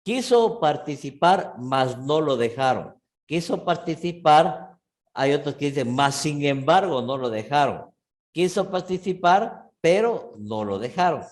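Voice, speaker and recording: Slow-spoken male language teacher. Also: a little high, expressive. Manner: patient, checks in with frequent "¿sí?"; restarts and self-corrects often. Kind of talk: online language class.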